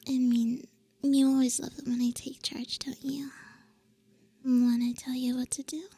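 A young woman whispering a roleplay for the listener in a soft, teasing, affectionate way, with breathy little hums between phrases. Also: sits high, dry recording. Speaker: audio roleplay performer.

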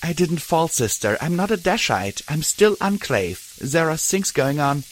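A man's voice: fairly high pitch, sing-song, a little slow, slight background noise, pitched above the performer's own voice, poor audio. Earnest young pegasus mare, raised voice, brittle and pleading, read by a man. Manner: brittle, heartbroken.

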